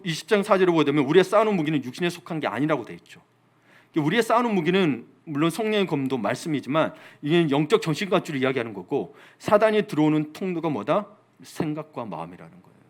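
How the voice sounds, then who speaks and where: A pastor preaching a sermon, asking his congregation questions and answering them himself. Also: sits high. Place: church.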